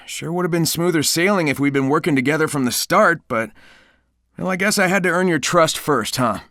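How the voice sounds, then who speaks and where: A man's voice: a little high, moderate pace, sharp tone, no room sound, clean studio sound. A man voicing a cocky, upbeat young hedgehog speedster in a video game, with a breezy, wisecracking and confident way of talking. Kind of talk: animated video game dialogue.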